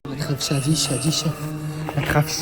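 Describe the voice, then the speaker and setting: A man's voice: on the high side, flat delivery, racing, over loud music. A young man with an Egyptian Arabic accent, urgently repeating himself as he leads others through an abandoned villa in a vlog. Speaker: vlogger. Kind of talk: exploration vlog.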